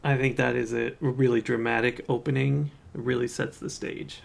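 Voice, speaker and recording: A woman co-host with a husky, gravelly voice, chatting casually about a film with dry amusement. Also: rumbling low, flat delivery, normal speed, soft background music. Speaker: podcast co-host. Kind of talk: casual movie discussion.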